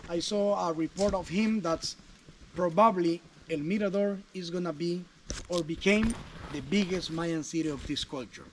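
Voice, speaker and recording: On a rough recording with faint outdoor noise, a tour guide with a high voice leads visitors around a jungle archaeological site. His guided-tour talk is chatty and full of restarts.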